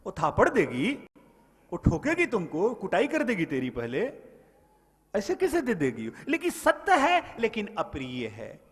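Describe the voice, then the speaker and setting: A man preaching a sermon as a spiritual teacher, swinging between loud exhortation and soft storytelling and calling listeners his brothers. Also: high-pitched, huge pitch swings, a little slow. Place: large event hall. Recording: long hall reverb.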